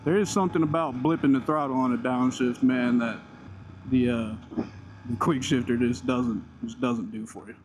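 A motovlogger's mid-range voice comes through a helmet mic just in front of his mouth, fairly even in intonation and moderately paced, on a moving motorcycle outdoors. The low-quality recording is full of wind and engine noise as he chats easily and enthusiastically about his first impressions.

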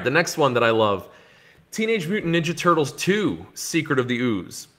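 A man hosting a casual podcast, telling stories in an animated way and acting out the scenes he describes. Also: mid-range voice. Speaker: podcast host. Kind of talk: casual movie-talk podcast chat.

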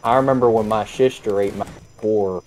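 A man's voice: fairly low pitch, steady tone, moderate pace, noisy background. A young man chatting while he plays a game, giggling often and exclaiming in surprise. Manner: giggly, exclaiming, swings between mumbles and squeals. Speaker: gamer. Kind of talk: casual gaming chat.

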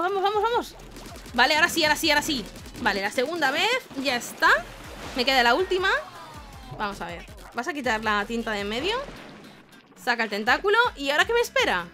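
A woman from giving excitable let's-play commentary, shrieking and laughing as she plays. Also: high-pitched. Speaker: gaming YouTuber. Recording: game music loud under the voice. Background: game music.

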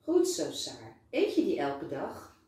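Woman reading as a cheerful male doctor, playful and teasing, storybook voice, slow delivery, echoing from far off in a hard room. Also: low-pitched, wildly swooping pitch, dark tone, voice pushed down, heavily acted. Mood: kind, teasing. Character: friendly male doctor, gently joking with a small child. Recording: very echoey room, voice far from mic.

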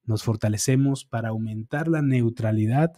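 In a small dark room, a middle-aged man who practices energy healing sits near a boom-mounted studio microphone and delivers a guided affirmation session, one affirmation after another. The medium-pitched voice is warm and mellow, paced in a calm, measured way, and the recording is dry and intimate with no room sound. He concentrates, eyes often shut, a fingertip at his temple.

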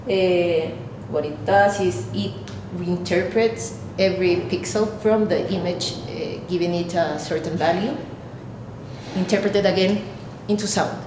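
A Peruvian woman in her thirties, speaking with a Peruvian Spanish accent, explains her own artwork to the camera. She talks haltingly and searches for words, in an echoey room with clear rumbling noise behind her.

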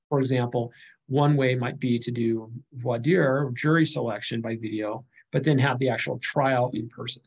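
A man's voice: mid-range voice, creaky, slightly rough, poor audio. A middle-aged man giving a recorded slide lecture on legal studies, speaking conversationally with frequent fillers and restarts.

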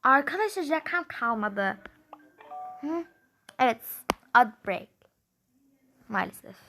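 High-voiced woman grumbling through a game. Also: animated, slow pace, bright, forceful tone, soft background music. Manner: frustrated, grumbling, counting numbers aloud. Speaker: mobile game player. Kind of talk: casual gameplay commentary.

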